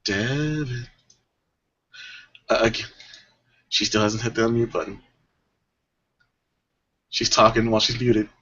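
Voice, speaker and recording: In dull lo-fi audio, a male podcast host rambles casually through his stories with plenty of fillers. He has a mid-range, slightly bright voice and speaks at a measured pace with long pauses.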